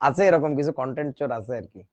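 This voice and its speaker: A man's voice: a little high, lively intonation, racing, darkish tone, no echo, highs cut off. A man teaching a chemistry class in a casual, joking way, with speech. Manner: chatty, joking asides to students. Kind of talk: casual online class lecture.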